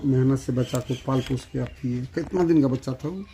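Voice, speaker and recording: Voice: medium pitch, brisk, over a noisy crowd. A reporter, asking pressing questions in a field interview.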